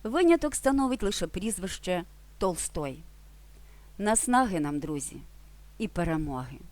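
A woman teaching spelling rules in a lesson, reading example words in a clear, deliberate way. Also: on the low side, sing-song, a little mellow, no echo. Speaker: language teacher.

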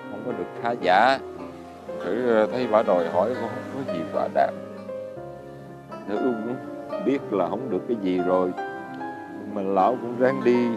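A man's voice: mid-range voice, dull audio, close to an everyday voice. A man with a Southern Vietnamese accent playing a poor, easygoing old fisherman who chuckles and hesitates as he talks. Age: older. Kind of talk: fairy-tale drama acting.

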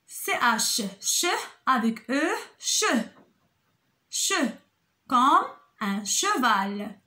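Slow, bright-voiced woman teaching phonics. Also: fairly high pitch, sing-song. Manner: repeats sounds and syllables slowly, with exaggerated emphasis on example words. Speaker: kindergarten teacher. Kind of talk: slow phonics lesson for young children. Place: school, recorded for an online lesson.

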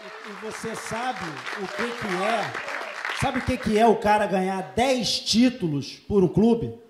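A man telling a profane comic story as a host, bursting into shouts and mock broken English. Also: sits high, a little slow, echoey room, over a noisy crowd, very noisy. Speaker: comedian host. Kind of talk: stand-up storytelling. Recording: live audience laughing and reacting.

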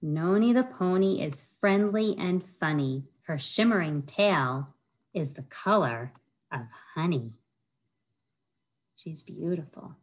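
Speaking slowly and with animation in a low-pitched voice, a middle-aged American children's librarian reads to young listeners during storytime, adding chatty asides and child-directed questions. The poor audio comes from a webcam or laptop held at arm's length in a small wood-panelled room.

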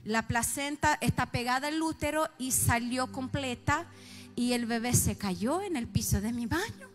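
A high-pitched middle-aged woman with a Chilean accent preaches a personal testimony from the pulpit. She moves between hushed, confiding passages and loud, emotional outbursts. Soft music plays quietly behind her. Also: lively intonation, normal speed. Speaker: pastor. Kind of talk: sermon testimony.

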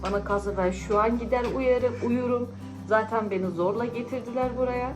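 A woman's voice: on the high side, steady tone, a little fast, over music, rough recording. A tired woman vlogging in casual, teasing chat with friends at a friend's home. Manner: chatty, teasing, often laughing.

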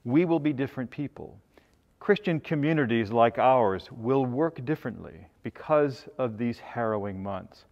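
An older man, a bishop, preaching a sermon with a measured, earnest manner. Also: medium pitch, expressive, long reverb tail, highs cut off. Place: cathedral sanctuary, then a home dining room.

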